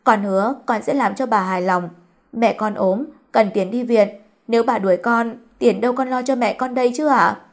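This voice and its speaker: A woman voicing a meek young servant girl who answers softly, pleading and apologizing. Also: on the high side, moderate pace, close to an everyday voice.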